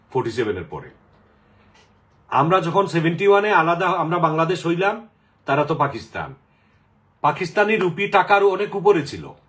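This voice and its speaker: A man's voice: a little high, fairly bright tone. A middle-aged man from the Sylhet region, chatting casually in a rambling way with many fillers. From Sylhet region, Bangladesh. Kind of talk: casual chat.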